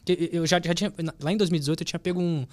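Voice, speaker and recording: Fast-talking Brazilian man telling stories. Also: a little high. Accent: Brazilian Portuguese. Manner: lively, acts out voices of people in his stories. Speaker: podcast guest. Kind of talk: casual storytelling.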